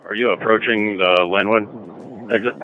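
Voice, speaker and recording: A man's voice: fairly low pitch, fairly even intonation, unhurried, faint music behind. A police officer speaking over a police radio transmission, clipped and urgent as he directs another unit during a pursuit. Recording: tinny police radio audio.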